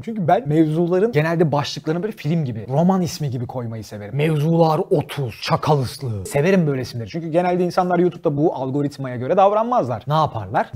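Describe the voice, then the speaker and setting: A man hosting a comedy show, joking and cursing freely in an animated monologue, often laughing as he talks. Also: on the high side. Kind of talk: stand-up style monologue to a studio audience.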